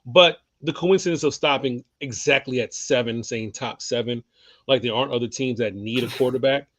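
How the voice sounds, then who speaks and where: A man co-hosts a sports podcast, chatting casually and bluntly, swearing a lot and laughing often. His voice is medium-pitched and a bit bright, at a moderate pace, with no room sound.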